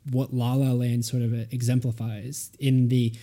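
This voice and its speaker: A man's voice: mid-range voice, level tone, moderate pace, dark tone. A man co-hosting a casual podcast chat, musing thoughtfully and rambling with many fillers. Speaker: podcast co-host.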